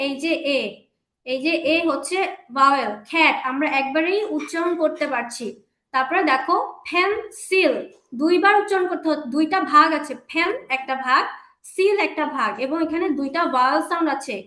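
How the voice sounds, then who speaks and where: High-voiced woman teaching kids online. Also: pushed and bright, echoey room. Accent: Bangladeshi Bengali. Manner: patient, explains step by step and repeats words slowly. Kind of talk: teaching grammar to children. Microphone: online class call.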